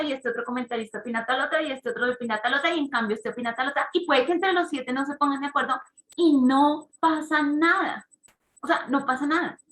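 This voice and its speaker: A woman talks parents through an idea in a bright, fairly high voice. She explains step by step and keeps checking in with her listeners. The sound rings a little in an echoey room. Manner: conversational, explanatory, asks the audience questions. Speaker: parenting talk speaker. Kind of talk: online parent talk.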